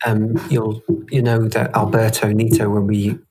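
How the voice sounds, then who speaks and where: A man's voice: on the low side, flat delivery, measured pace, dark tone, husky. A man co-hosting a podcast, chatting casually and often rephrasing himself as he goes. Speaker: podcast co-host. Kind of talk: casual chat.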